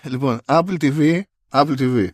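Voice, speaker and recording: A man's voice: mid-range voice, darkish tone, dry recording, studio quality. A man co-hosting a casual tech podcast, chatting wryly and reading out news items. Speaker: podcast co-host.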